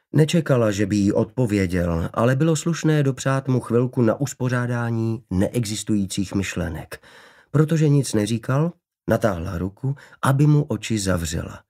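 A man reading an audiobook in a measured, steady narrating voice. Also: lowish voice.

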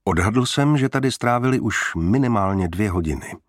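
A man narrating a first-person crime novel in a measured, wry way. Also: on the low side, expressive, no room sound, studio quality. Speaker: audiobook narrator.

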